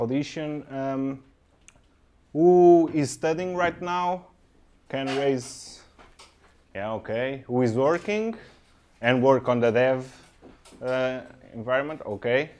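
A young Portuguese conference speaker with a medium-pitched voice and a Portuguese accent gives a tech talk in halting English, full of ums and okays. He is recorded on a handheld mic indoors in a conference room with a projector.

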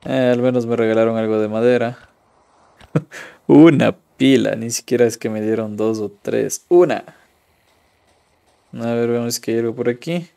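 A young man from Ecuador streams a mobile survival game, talking casually as he loots and reads chat aloud. His voice has a gravelly, fry-edged texture at an ordinary middle pitch. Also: normal speed, long pauses, mellow. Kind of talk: live mobile game commentary.

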